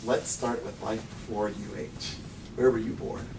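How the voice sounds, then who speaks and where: A man's voice: fairly low pitch, fairly even intonation, measured pace. A man asks short, polite interview questions. He is heard from far off the mic, with room echo and noise behind him. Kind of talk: oral history interview. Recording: distant, echoey, noisy room.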